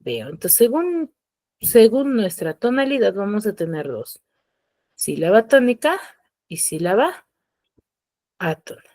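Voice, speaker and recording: A woman's voice: medium pitch, big pitch swings, slow, pauses often, mellow, no room sound, rough recording. A woman teacher, lecturing in an online class, explaining patiently, repeating key terms and checking that the students follow. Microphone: computer mic on a video call.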